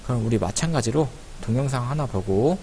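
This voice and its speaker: A man's voice: medium pitch, lively intonation, brisk, mellow. A man teaching a casual explanatory lesson for schoolchildren, conversational and addressing pupils directly. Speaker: teacher presenting an online lesson. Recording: clear hiss behind the voice.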